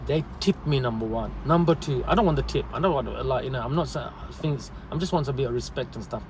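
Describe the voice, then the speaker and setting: A man, a delivery driver, giving earnest, repetitive advice and animated stories in a casual livestream. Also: medium pitch, fast talker, a little hiss or hum, poor audio.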